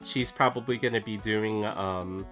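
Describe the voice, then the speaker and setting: This man's voice is on the low side, unhurried and fairly even in intonation. He's an artist streaming as he draws, chatting casually and rambling with many fillers and restarts, still recovering from a cough, while soft music plays.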